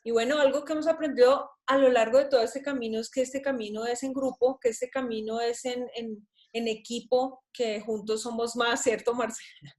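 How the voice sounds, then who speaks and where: A woman's voice: a little high, steady tone, brisk. Chatty woman hosting an online talk. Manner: warm, thankful, restarts often. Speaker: host of an online talk series. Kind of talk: casual live closing remarks.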